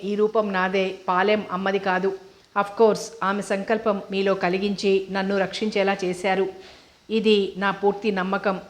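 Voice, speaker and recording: A woman voicing a frightened young woman college student who speaks slowly and haltingly. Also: mid-range voice, natural voice. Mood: devout. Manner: shaken, slow and halting.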